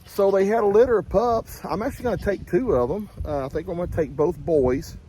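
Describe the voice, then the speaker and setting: A man's voice: high-pitched, a little fast, mellow. A man chatting casually to camera on a windy farm, rambling and folksy with plenty of "uh" and "y'all". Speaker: farm vlogger. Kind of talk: casual vlog talking to camera. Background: wind and farm animals.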